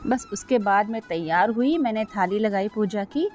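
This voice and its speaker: A middle-aged woman narrates her cooking vlog in a chatty, step-by-step way, often turning to her viewers. Her voice is mellow and warm, with a medium pitch. Faint music plays behind her. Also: animated, normal speed. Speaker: cooking vlogger. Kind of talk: casual voice-over cooking vlog.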